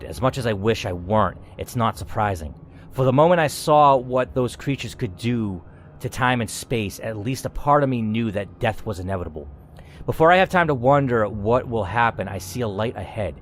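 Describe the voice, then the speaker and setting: A man of medium pitch dramatically reads a scripted story as a gaming host narrating aloud, moving a little fast. The delivery is theatrical and expressive, with asides along the way, over slight background noise.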